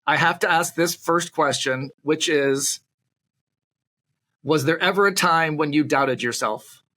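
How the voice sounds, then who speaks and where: A man hosting a relaxed interview, with a slightly high, bright and forward voice. He is chatty and quick to joke at his own expense as he sets up his questions. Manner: chatty and self-deprecating, jokes about himself. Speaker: interview host. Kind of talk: casual interview.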